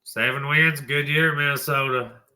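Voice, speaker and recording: A man's voice: mid-range voice, steady tone, normal speed, bright, forceful tone. A man hosting a college football talk show, blunt and folksy, tossing in mild swearing. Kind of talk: opinionated sports talk.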